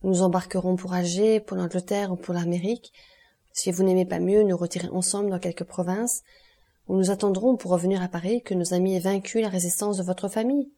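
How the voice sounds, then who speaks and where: A woman's voice: on the low side, steady tone, brisk, mellow. A woman reading an ardent young lover. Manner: earnest, urgent, insistent. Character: young man, ardent, passionate, desperate lover. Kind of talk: audiobook character reading.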